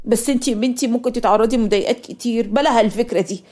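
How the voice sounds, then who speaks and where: A woman voicing a worried, scolding Egyptian mother, shrill and fussing, in a cartoon story. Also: very fast, a little mellow, natural voice.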